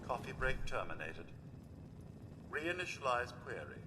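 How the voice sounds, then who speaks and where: A man voicing a male robot clerk at a records office, making flat, clipped computer-processing announcements in a robotic computer voice. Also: mid-range voice, measured pace. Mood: bureaucratic monotone. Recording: game audio with steady background noise.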